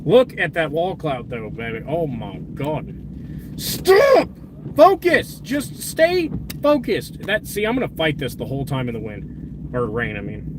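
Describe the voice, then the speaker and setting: A man's voice: medium pitch, very animated, moderate pace. A man giving casual, unscripted live stream commentary as a storm chaser, informal and exclamatory, outdoors in windy weather. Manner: informal, exclamatory, mild swearing. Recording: loud wind and vehicle noise.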